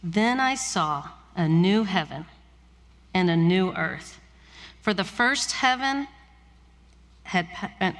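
A woman pastor giving a sermon, reading scripture slowly and reflectively with soft pauses. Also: medium pitch, long reverb tail.

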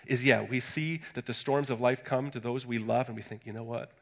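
A man's voice: medium pitch, steady tone, a little fast, gravelly. A middle-aged male pastor preaching a sermon in a large church auditorium, building to emphatic bursts and dropping into joking asides. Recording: reverberant hall.

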